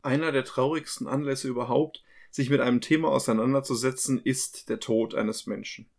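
A man's voice: medium pitch, fairly even intonation, moderate pace, vocal fry, a little mellow, faint music behind. A man hosting a podcast in German, talking earnestly and with feeling about a serious subject. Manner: earnest, impassioned. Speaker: podcast host. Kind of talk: hosted podcast talk.

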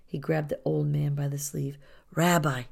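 A woman narrating a somber story in a soft delivery that often drops near a whisper. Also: low-pitched, completely flat delivery, moderate pace, gravelly.

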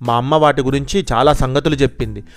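A man's voice: medium pitch, steady tone, fast talker, lightly acted. A man voicing a bold, greedy young fisherman. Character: young male fisherman, bold and money-minded.

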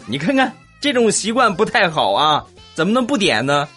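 A man's voice: high voice, big pitch swings, normal speed, pushed and bright, breathy edge, soft background music. A man hosting a comedic podcast, reading listener comments with teasing jokes and frequent laughter. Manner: jokey, laughs often, teasing asides. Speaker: podcast host.

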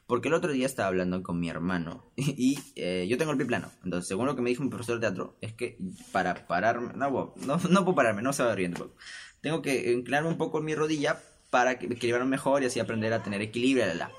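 Medium in pitch and expressive, a young man with a Peruvian Spanish accent moves at a quick pace on his casual solo podcast. He rambles, restarts with stammers, and acts out voices while telling stories.

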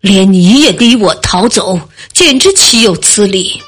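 A woman's voice: medium pitch, takes it slowly, a bit bright. A woman voicing a hot-tempered ancient king. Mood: angry. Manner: scolding and brusque.

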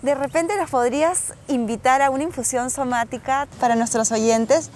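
A woman's voice: sits high, normal speed, a little mellow, slight background noise. A woman speaking as an interviewer in a conversational way, addressing a guest.

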